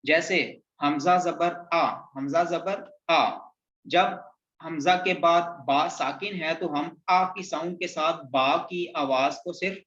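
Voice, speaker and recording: A man's voice: a little high, fairly bright tone. A man teaching Quran reading, patiently drilling syllables one by one in a lesson. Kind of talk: slow recitation lesson, spelling out letter sounds. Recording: roomy, dull lo-fi sound.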